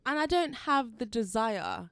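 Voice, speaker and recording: A young woman from Jamaica with a higher, very lively voice that swings up and down. She co-hosts a casual podcast and keeps asking questions. The recording is dry. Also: measured pace, no room sound. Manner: curious, asks questions, laughs often. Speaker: podcast co-host. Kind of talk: casual chat.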